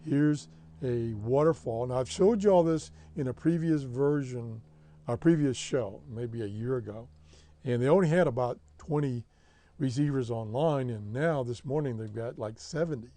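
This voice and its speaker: An American man hosts a shortwave radio hobby show, walking through a casual, plain-spoken tutorial step by step over a screen recording. His mid-range voice is mellow and moves at a normal speed.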